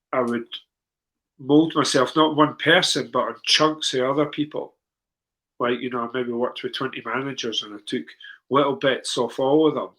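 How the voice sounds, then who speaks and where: A middle-aged man, a guest on a talk show, telling stories in a loose conversational way. His voice leaps up when he gets excited. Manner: animated, jumps in pitch when excited, calm quoted asides. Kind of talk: conversational storytelling.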